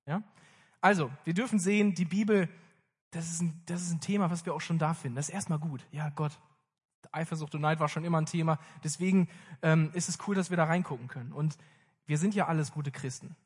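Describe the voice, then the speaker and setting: A young man preaching a sermon in a casual, lively way, speaking directly to his congregation. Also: on the high side, fairly quick, slightly rough. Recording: long reverb of a hall.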